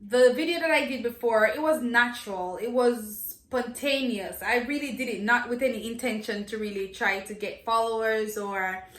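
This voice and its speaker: A woman with a Jamaican accent giving an informal lesson to camera, slipping between Jamaican Patois and English in an expressive, conversational way and repeating phrases for learners. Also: on the high side, normal speed. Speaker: Jamaican Patois teacher, video host. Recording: echoey, roomy sound.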